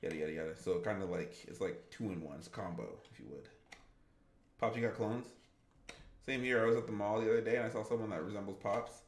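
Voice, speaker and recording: A fairly low-voiced man talks fast while streaming games, chatting loosely, wandering off topic, and reading viewer comments out loud. The audio has a roomy echo.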